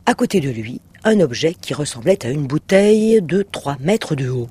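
A man narrating a short story aloud in a measured, expressive storytelling manner. His voice sits a little higher than most men's. It is a clean audiobook reading. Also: slightly rough.

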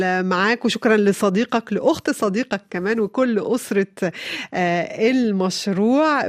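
A woman's voice: medium pitch, no echo. Egyptian woman radio interviewer, dry studio sound. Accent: Egyptian Arabic.

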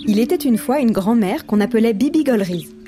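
A woman storyteller reading a folk tale aloud in scripted narration, lively and expressive, with voices for the characters. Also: fairly high pitch, a little fast, over music.

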